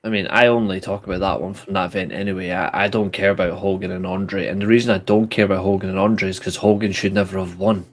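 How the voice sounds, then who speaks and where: This is a man in his late twenties with a lowish voice. He chats casually on a podcast, blunt and joking, and he swears freely. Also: steady tone, quick pace, hardly any pauses. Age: 20s. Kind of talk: casual chat.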